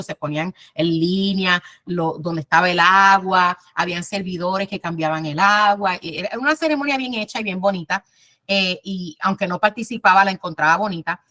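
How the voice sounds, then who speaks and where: A woman teaching a Bible class in a conversational way, telling personal stories, speaking directly to her listeners and pausing often with "eh". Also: on the low side. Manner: warm storytelling, addresses listeners directly, frequent "eh" pauses.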